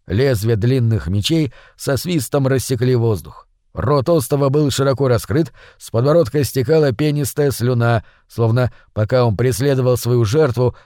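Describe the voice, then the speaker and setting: A man's voice: medium pitch, a little mellow, no echo. Man reading a story, dry close sound. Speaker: audiobook narrator. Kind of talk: scripted narration.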